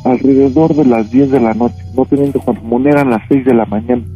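A man's voice: mid-range voice, brisk, mellow, muffled recording, faint music behind. A man with a Mexican accent calling in to tell a true ghost story in colloquial, casual speech, quoting dialogue and repeating words.

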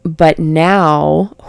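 A woman talks through a reflective spiritual meditation at a very slow, unhurried pace, her low voice calm and almost monotone. She halts often and searches for words, and a gravelly fry runs through her speech. The sound is close and dry, with no room around it. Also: dry recording. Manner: halting, searching for words, many fillers; calm, near monotone delivery. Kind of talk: reflective spoken meditation talk.

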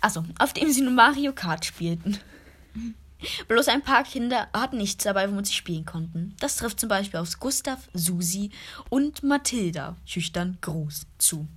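Woman, casual group story reading, slightly husky voice, mid pitch, side remarks. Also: lively intonation, normal speed. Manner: reads with frequent laughter and side remarks. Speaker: narrator of a group read-aloud.

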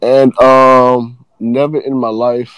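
A man's voice: medium pitch, slow, clean tone, no echo. Guy telling a wild work story, loose and swearing, dry close sound. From Texas. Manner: loose, profane, animated. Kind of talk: casual storytelling chat.

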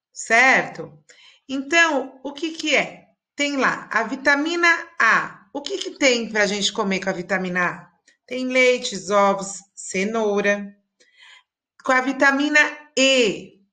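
A woman teaching small children in a recorded lesson, her voice bright and clear. She speaks slowly and patiently, in a sing-song tone, stretching out each syllable so the kids can repeat after her. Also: on the high side.

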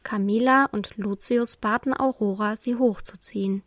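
A woman narrating a children's storybook in a calm, expressive way. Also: medium pitch, moderate pace, no echo, studio quality.

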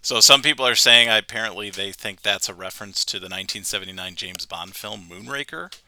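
Guy hosting a chill podcast, retelling the episode, bright low voice, dry sound. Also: brisk, no room sound. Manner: summarizes plot at length, laughs often. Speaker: podcast host. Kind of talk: casual chat recapping a cartoon episode.

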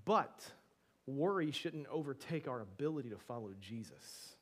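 Addressing a church congregation, a male pastor preaches conversationally, asking many rhetorical questions and moving from soft asides to emphatic bursts. He has a medium pitch, lively intonation, moderate pace, and a breathy edge.

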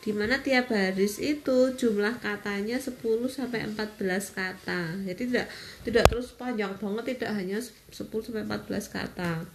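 A woman, patiently explaining step by step with pauses in an informal interview. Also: mid-range voice, roomy sound, background noise. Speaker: interviewed mother explaining a school lesson.

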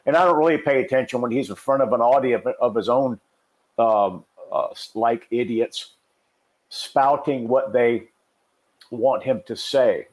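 A man's voice: mid-range voice, a little slow, poor audio. Opinionated police captain guest, male, blunt and dismissive. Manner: blunt, scornful. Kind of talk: opinionated panel talk.

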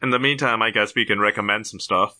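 A young man co-hosting a podcast keeps the chat casual and laid-back, chuckling often. He talks fast in a lowish, steady voice with a sharp tone.

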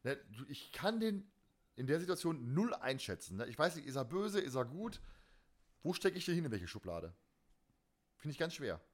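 A chatty man leading a relaxed podcast talk. He keeps tossing a questioning tag onto his sentences. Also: fairly high pitch, normal speed. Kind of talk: casual chat about a radio play.

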